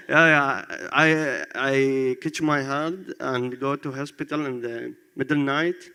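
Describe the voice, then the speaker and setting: Young Iraqi man, smooth voice, slow speech. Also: mid-range voice, steady tone, sharp tone, big-room sound. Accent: Iraqi Arabic. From Iraq. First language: Arabic. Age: 20s. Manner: broken English, short phrases, laughs often. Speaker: student presenting his app. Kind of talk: demo presentation.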